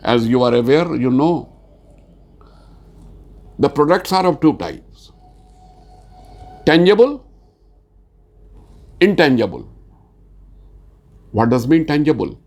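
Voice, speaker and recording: Very animated and a little mellow, his medium-pitched voice carries an insurance training session. The speaker, a Hindi-speaking man from Bihar, India, talks in Indian English slowly and hesitantly, often saying "uh," and rises in emphasis on important points.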